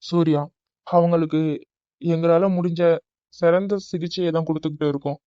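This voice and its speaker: Man voicing a calm cartoon doctor, measured and soothing, muffled dry recording. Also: a little high, clean tone, dry recording, lightly acted. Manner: calm, reassuring. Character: calm male hospital doctor. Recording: dull dry recording with faint music.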